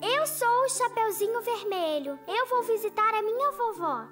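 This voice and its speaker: A woman's voice: extremely high pitch, animated, normal speed, recorded from a distance, over music. A woman voicing a cheerful, bossy little girl pig in a dubbed cartoon, with a giggly, emphatic delivery. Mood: playful, dramatic.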